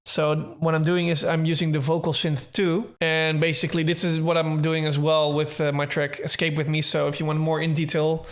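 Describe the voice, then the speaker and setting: A man with a somewhat high voice talks through his music production in a casual tutorial. He thinks aloud as he goes, hedging and restarting his sentences in a relaxed way. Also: moderate pace, few pauses. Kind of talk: casual tutorial talk from a livestream.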